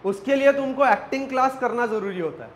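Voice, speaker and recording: A man's voice: extremely high pitch, lively intonation, fast, rough recording. A man, an acting coach teaching a class, quizzing students and joking with them.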